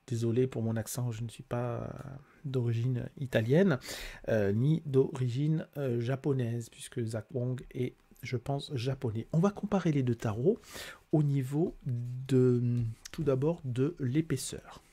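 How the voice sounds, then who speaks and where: A man's voice: medium pitch, unhurried, warm tone, husky. A man presenting and comparing two tarot decks in a casual, hesitant way, with frequent fillers and restarts as he explains. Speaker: tarot reader and life coach. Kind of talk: casual product review.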